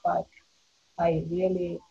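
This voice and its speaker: A soft-spoken woman in a mediation, talking earnestly and hesitantly, on a dull lo-fi recording. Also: on the low side, little pitch movement, takes it slowly, gravelly, breathy edge. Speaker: participant in mediation. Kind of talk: mediation dialogue.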